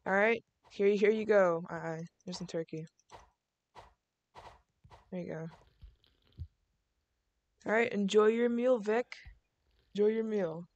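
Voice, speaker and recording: A woman's voice: medium pitch, slow, pauses often, a little mellow, lo-fi sound. A woman hosting a gaming video, chatting casually while running a game restaurant, with lots of fillers and laughter. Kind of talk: casual gameplay chat.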